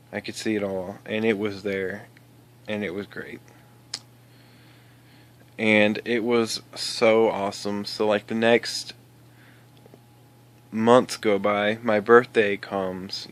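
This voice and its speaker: Flat-voiced man rambling through a personal story. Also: lowish voice. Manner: rambling, restarts often, leans on "you know" and "I was like".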